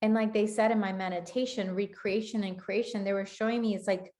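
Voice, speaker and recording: A woman with a Spanish accent gives a channeled spiritual talk in an earnest, flowing way, often slowing down to stress words. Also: mid-range voice, fairly even intonation, a little mellow. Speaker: spiritual teacher.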